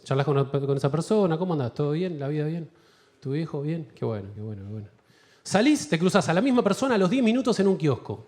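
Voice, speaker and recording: A man with an Argentine accent doing a stand-up comedy set in a theater, telling animated stories and acting out voices. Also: high voice. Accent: Argentine Spanish. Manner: animated storytelling with acted-out voices. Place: large theater with live audience.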